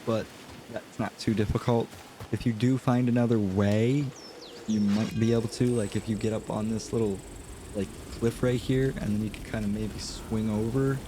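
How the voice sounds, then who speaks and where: A man's voice: lowish voice, steady tone, moderate pace, noisy background. A man with a cold and a nasal, stuffy voice, giving a casual game walkthrough voice-over with unsure, hedging asides. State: congested from a cold. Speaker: gaming channel host.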